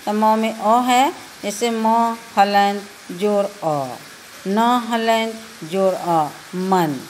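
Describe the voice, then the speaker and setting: A woman's voice: mid-range voice, drawn-out words, a little mellow, slight background noise. A woman teacher with a Bihari Hindi accent, patiently spelling out letters one by one in a recorded lesson for children.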